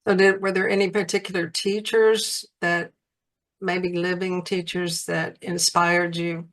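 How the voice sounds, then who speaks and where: Chatty Southern woman, interviewer, slightly low voice. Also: flat delivery, a little slow. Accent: Southern American. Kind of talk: casual interview.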